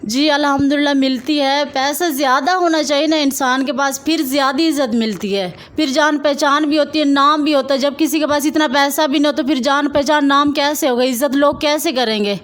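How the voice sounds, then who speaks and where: A woman's voice: high voice, steady tone, few pauses, a bit bright. A woman dancer answering an interviewer's questions, defensive and irritated when pressed. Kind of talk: street interview.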